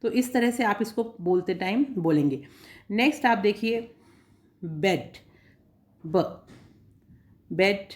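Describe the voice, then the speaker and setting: A woman teacher patiently explaining a phonetics lesson, repeating points and sounding out single sounds slowly. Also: medium pitch, animated, a little mellow. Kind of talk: exam-prep phonetics lesson.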